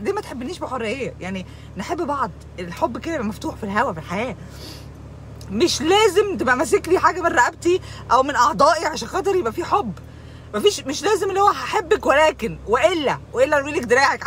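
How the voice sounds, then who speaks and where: A woman's voice: sits high, a bit bright, a little hiss or hum. A young Egyptian woman with an Egyptian Arabic accent, hosting a video and ranting dramatically, sometimes sliding into mock sobbing and dropping in English words. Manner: mixes English words into speech. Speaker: video host. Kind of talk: comedic emotional rant.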